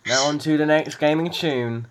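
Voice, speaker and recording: With background noise behind him, a podcast host with a fairly high voice talks at a moderate pace while running a casual game with friends over video call. He chats playfully, teasing everyone and laughing a lot.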